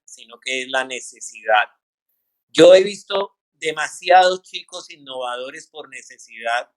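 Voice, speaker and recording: A man from Colombia, a scientist answering interview questions in a measured, explanatory way with frequent pauses. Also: on the high side, a bit bright. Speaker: guest scientist.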